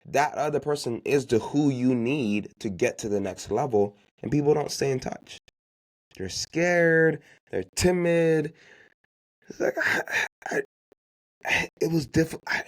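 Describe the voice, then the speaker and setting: With a voice on the slightly high side, a man speaks unhurriedly as he hosts a podcast full of off-the-cuff motivational business advice. He grew up speaking Haitian Creole and leans on emphatic repetition of key phrases and rhetorical questions.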